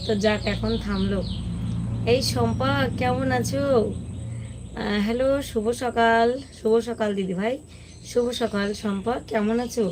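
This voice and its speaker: A chatty woman hosts a casual live stream, her voice slightly high and hoarse. She greets viewers one after another in an easy, friendly way, with faint outdoor ambience in the background. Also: noisy background.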